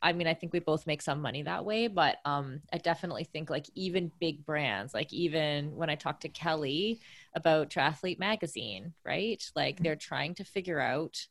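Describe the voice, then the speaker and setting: Low-voiced woman podcast guest. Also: moderate pace. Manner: thoughtful, rambling, laughs easily. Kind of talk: casual conversation.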